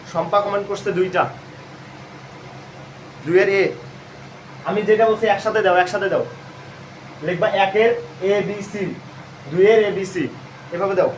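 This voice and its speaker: A man's high voice, recorded from a distance, carries a Bangladeshi Bengali accent as he teaches an admission prep lesson live. His style is repetitive quizzing, asking questions and answering them himself. There's a roomy echo, a faint hum, and his voice is off-mic.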